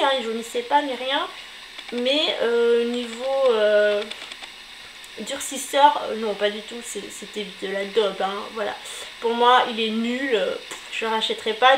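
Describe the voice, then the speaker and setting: A woman reviewing beauty products she has used up, chatting casually with many fillers and blunt verdicts. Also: on the high side. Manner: chatty, hesitant with frequent fillers. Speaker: beauty vlogger. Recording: echoey room with noticeable background noise.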